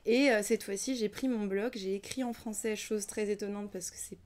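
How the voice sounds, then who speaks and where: Speaking with a steady, darkish tone at medium pitch and moderate speed, this young woman, a singer who also teaches singing, reflects aloud in a relaxed interview. Of Ukrainian heritage and brought up in France, she pauses and hesitates a lot, her voice at times fading to a near-whisper.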